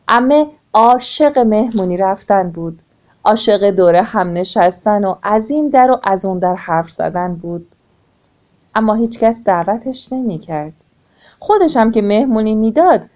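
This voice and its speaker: A woman narrating a children's folk tale, gentle, with soft falling phrase ends. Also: a little high. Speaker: storyteller.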